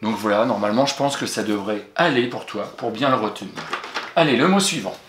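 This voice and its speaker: A man's voice: fairly low pitch, a little fast, fairly bright tone, a little hiss or hum. A man teaching a young child spelling, patient and encouraging, spelling words out letter by letter. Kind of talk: spelling lesson for a young pupil. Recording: roomy echo.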